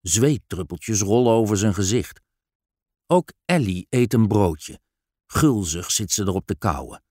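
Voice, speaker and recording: A man narrating a children's story aloud in a slow, expressive storytelling manner. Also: lowish voice, no echo, clean studio sound.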